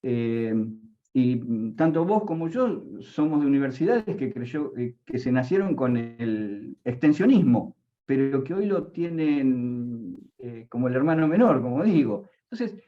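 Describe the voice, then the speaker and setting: A man, speaking as a university panelist in an earnest, halting way with many fillers. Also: mid-range voice, expressive, narrow, tinny audio. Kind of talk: conversational panel reflection.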